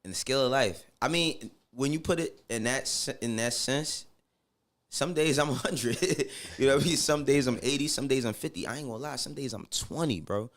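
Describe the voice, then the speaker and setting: This middle-aged Harlem man has a mid-range, slightly bright voice and a New York accent, and he talks a little quickly. Appearing as a podcast guest, he's candid and casual, his slangy, emphatic lines frequently making sure you're keeping up.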